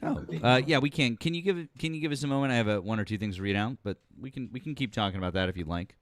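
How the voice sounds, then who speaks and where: A man's voice: mid-range voice, very fast, no echo. A man in his forties hosting a call-in political live stream in a loose, swearing way. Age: 40s. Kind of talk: casual call-in political debate.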